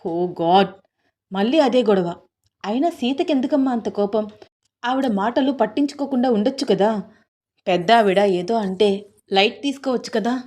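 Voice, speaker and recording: A woman storyteller voicing a young husband who pleads and tries to calm everyone. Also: on the high side, normal speed, pauses often, lightly acted. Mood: pleading. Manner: pleading, conciliatory.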